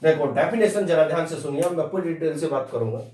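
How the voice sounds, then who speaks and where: A man teaching a math lesson, repeating each point slowly and telling students to listen closely. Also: on the high side, dark tone, roomy sound, far from the mic. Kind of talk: classroom lecture.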